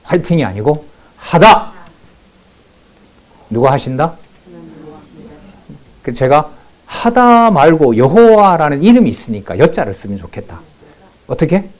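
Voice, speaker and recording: A male pastor giving a sermon, moving between calm scripture reading and loud, emphatic remarks. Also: fairly high pitch, unhurried, long pauses.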